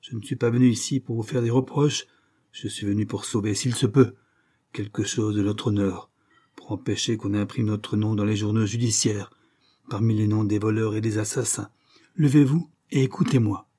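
Stern old father, formal and commanding, mellow husky tone, as a male reader puts him on. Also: fairly low pitch, level tone, normal speed. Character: stern aging father, proud and severe.

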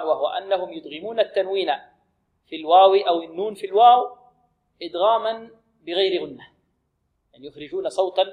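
A man teaching Quran recitation, modelling words slowly and answering his own questions. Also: high-pitched, narrow, tinny audio. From Libya. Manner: asks questions and answers them himself. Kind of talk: tajweed lesson with recited examples.

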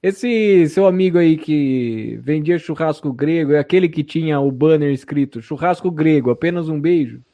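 Wry high-voiced Brazilian co-host. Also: male voice, normal speed, hardly any pauses, highs cut off. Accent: Brazilian Portuguese. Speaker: podcast co-host. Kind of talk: casual podcast banter.

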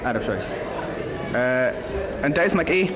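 Coaxing Egyptian radio host. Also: male voice, mid-range voice, animated, fast talker, crowd noise. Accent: Egyptian Arabic. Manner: coaxing, repeats his questions patiently. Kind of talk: radio interview. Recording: old radio broadcast, reverberant and slightly noisy.

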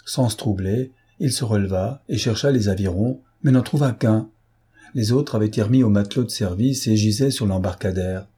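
Dark, husky male audiobook narrator. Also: fairly low pitch. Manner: steady, measured reading. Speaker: audiobook reader. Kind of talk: scripted narration.

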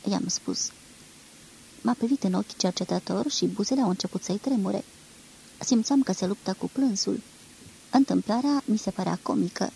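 A woman reading a literary novel aloud in a measured, expressive storytelling manner. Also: mid-range voice, vocal fry, a little hiss or hum, low-quality recording. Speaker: reader.

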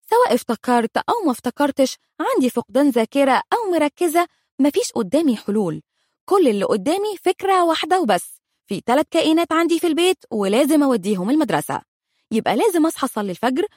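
A woman's voice: high voice, darkish tone, slightly rough, no room sound, clean studio sound. A woman with an Egyptian Arabic accent, a mother of three telling comic stories with dramatic, self-mocking exaggeration. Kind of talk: comic storytelling.

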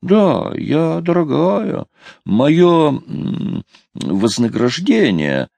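A man's voice: on the low side, huge pitch swings, unhurried, vocal fry, darkish tone, no echo, heavily acted. A man reading an audiobook, voicing a coy, stubborn young woman. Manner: hesitant, teasing.

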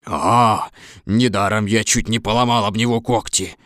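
A man playing a deep-voiced cowardly lion. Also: fairly even intonation, unhurried, fairly bright tone, dry recording, clean studio sound. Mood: sheepish. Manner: bashful, self-pitying storybook acting. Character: huge cowardly male lion, timid and tearful. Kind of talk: dramatized audiobook reading.

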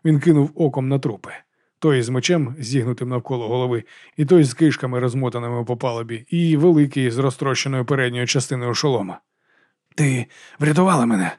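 Male audiobook narrator, measured delivery, middle pitch, dry close sound. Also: a little mellow, dry recording. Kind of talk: scripted narration.

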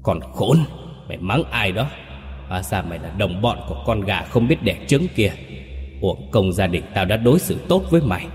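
A man's voice: animated, moderate pace, a little mellow, long reverb tail, soft background music, lightly acted. A man voicing a harsh, berating old village matriarch in a ghost story. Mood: scornful. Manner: shrill, berating.

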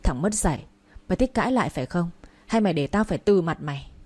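A woman's voice: lowish voice, animated, quick pace, a little mellow, breathy edge. A woman reading the part of a stern, harsh-tempered old rural father who scolds his son. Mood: scolding. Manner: scolding, curt.

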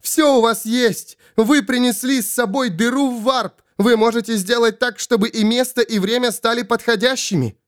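A man voicing a possessed woman through whom a desperate man's spirit speaks, pleading and screaming in a high strained voice. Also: moderate pace, hardly any pauses. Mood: frantic. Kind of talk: audiobook character voice.

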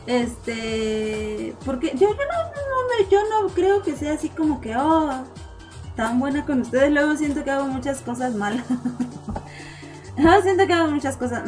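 Mexican woman streamer, high bright voice, playful and chatty, soft music underneath. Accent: Mexican Spanish. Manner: chatty, giggly, animated, repeats words. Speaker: host of an online live show. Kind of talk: casual live chat with viewers.

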